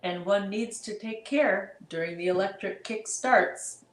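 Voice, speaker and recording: Brief: a woman reading rhyming verse aloud, slow and measured, in an echoey room. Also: medium pitch. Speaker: storybook reader. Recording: roomy echo.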